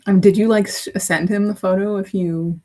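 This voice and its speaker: A woman's voice: medium pitch, steady tone, moderate pace, mellow, poor audio. A woman hosting a casual livestream. She talks in a chatty, giggly, rambling way, often restarting her sentences. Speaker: livestream host.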